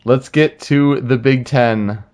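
A man co-hosting a casual sports talk show, making relaxed, talkative predictions about college football. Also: mid-range voice, takes it slowly. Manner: relaxed, talkative, spells out names. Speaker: sports podcast co-host.

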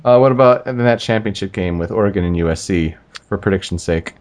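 A man co-hosting a casual sports talk show, making relaxed, talkative predictions about college football. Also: low voice, fast talker. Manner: relaxed, talkative, spells out names. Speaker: sports podcast co-host.

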